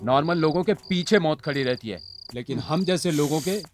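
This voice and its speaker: A man's voice: a little high, fairly quick, slight background noise, lightly acted. A man dubbing a brooding gangster hero in a Hindi-dubbed action film. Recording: dubbed dialogue over loud film score.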